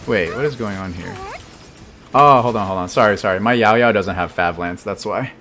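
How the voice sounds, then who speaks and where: A man's voice: fairly low pitch, moderate pace, fairly bright tone, slight background noise. A man streaming a game, thinking aloud casually and answering chat questions. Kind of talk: live gameplay commentary.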